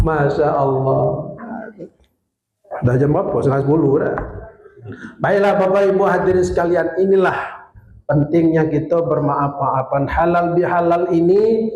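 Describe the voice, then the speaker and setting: Male preacher from Jambi with a Malay accent, jokey anecdotes, higher voice, recorded in a reverberant hall. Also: measured pace, pauses often, darkish tone, dull audio. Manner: jokey storytelling, acts out dialogue. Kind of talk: humorous sermon with anecdotes. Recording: echoey hall.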